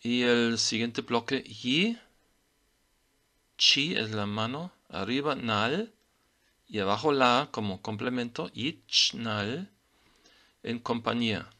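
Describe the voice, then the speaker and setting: Slow, bright-voiced man explaining glyphs. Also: medium pitch, animated. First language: German. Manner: slow, deliberate reading of glyph names. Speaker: teacher of Maya writing. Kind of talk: explanatory lesson.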